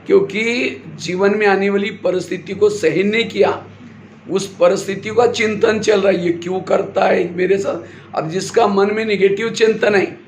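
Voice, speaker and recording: Speaking at a moderate pace in a high, steady voice, a male spiritual teacher leads a sermon-style class, quizzing the audience and supplying the answers himself. His handheld or stand mic captures an echoey hall with a little faint noise.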